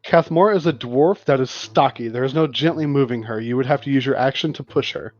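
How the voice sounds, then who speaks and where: A man's voice: medium pitch, brisk, a little mellow. A man narrating as game master in a livestreamed tabletop game, describing scenes with frequent restarts and fillers. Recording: lo-fi stream audio with faint music.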